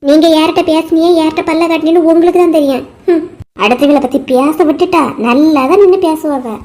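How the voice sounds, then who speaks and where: A woman voicing a blunt, sharp-tongued village woman in a cartoon, with a Kanyakumari Tamil accent and blunt, scolding retorts. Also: high-pitched, steady tone, fast talker, close to an everyday voice. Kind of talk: cartoon voice acting.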